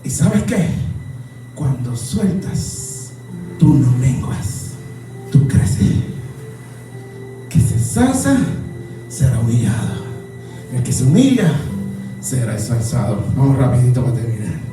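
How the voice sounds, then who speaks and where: A man preaching a sermon as pastor, impassioned, swinging between shouts and low murmurs. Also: very animated, takes it slowly, pauses often. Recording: echoey hall, voice from far off, faint music.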